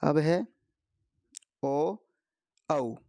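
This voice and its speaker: Guy teaching hindi grammar, kinda high voice, asks a question then answers it himself, dead dry sound. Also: vocal fry, dark tone, no echo. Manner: slow, repeats key answers, asks and answers his own questions. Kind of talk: explanatory lesson for competitive exam students.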